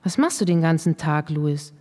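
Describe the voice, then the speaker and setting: A woman's voice: sits low, expressive, moderate pace, mellow. A woman reading out the lines of a brash mother who teases her teenage son in a dry, offhand way. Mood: teasing. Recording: reverberant hall.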